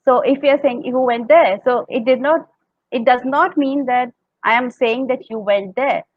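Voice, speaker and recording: Indian woman speaking coach, higher voice, patient step-by-step explainer, dull dry recording. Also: normal speed, no room sound. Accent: Indian English. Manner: explains step by step, demonstrates tones and laughs often. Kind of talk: teaching talk on public speaking.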